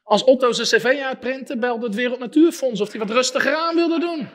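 A man preaching a sermon, emphatic, with sharp rises and drops in his voice. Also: extremely high pitch, a little fast. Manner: emphatic, rising and dropping sharply for effect.

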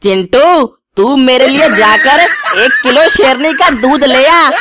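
A woman doing a high, pleading cartoon little girl. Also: slow. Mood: cheerful. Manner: pleading and whiny. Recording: noisy recording.

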